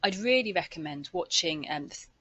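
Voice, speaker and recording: This English for academic purposes teacher speaks in a fairly low, husky yet fairly bright voice, expressive and at a normal speed. She presents a lecture with examples, explaining points and emphasizing key words, and the recording is dry and muffled.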